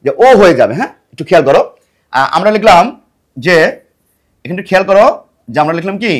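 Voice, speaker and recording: A man teaching an exam-prep grammar lesson in a high, very lively voice. He is middle-aged. He poses questions to his students and answers them himself, drilling each word by repeating it emphatically. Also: fast.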